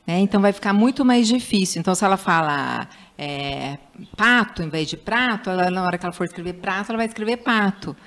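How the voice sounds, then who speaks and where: A woman's voice: medium pitch, expressive, quick pace, few pauses. A Brazilian woman speech therapist answering interview questions, patiently explaining child language development. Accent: Brazilian Portuguese. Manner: patient, explanatory, acts out parents' baby talk.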